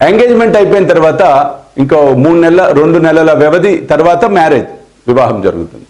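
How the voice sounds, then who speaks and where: A man with a Telugu accent, a spiritual teacher telling a devotional story in a sermon. He acts out the quoted dialogue and slows down for emphasis. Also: fairly high pitch, very animated, a little mellow, rough recording.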